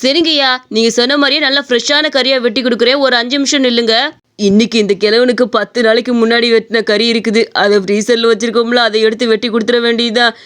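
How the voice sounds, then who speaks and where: Woman playing a greedy cartoon butcher, cowardly, scheming, high-pitched, anxious. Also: steady tone, quick pace, a bit bright, clean tone, close to an everyday voice. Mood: worried. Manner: scheming, then panicky pleading. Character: greedy, cowardly male mutton seller.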